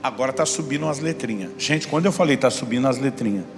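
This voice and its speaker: A man's voice: mid-range voice, lively intonation, fast. A middle-aged pastor preaching, telling a family story and acting out the voices of his son and himself. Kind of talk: sermon with acted-out family story. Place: church hall. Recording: long hall reverb with music behind.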